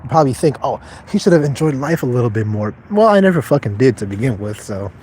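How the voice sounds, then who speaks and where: A man's voice: medium pitch, lively intonation, fast, darkish tone, slight background noise. A man in his twenties livestreaming, reading chat questions aloud and answering them in a blunt, profane, detached way. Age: 20s.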